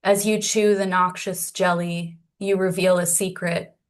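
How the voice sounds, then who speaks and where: Canadian woman reading her poem, kinda low voice, unhurried and flat. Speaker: poet. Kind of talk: poetry reading.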